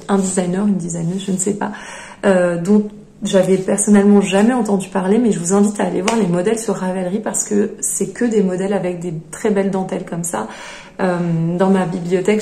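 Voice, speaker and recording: Woman, knitting vlog host, casual chat, gravelly, echoey room. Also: mid-range voice, mellow. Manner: chatty, hesitant with many fillers. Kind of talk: casual show-and-tell chat.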